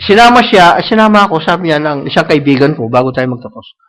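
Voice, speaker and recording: A man with a notably high voice preaches a sermon in a church, his plain as he slides between Tagalog and English. He hammers points home by repetition and keeps checking in with a questioning "No?". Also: expressive, quick pace, a bit bright, poor audio. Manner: switches between Tagalog and English, tags lines with "No?"; repeats himself for emphasis. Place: church service.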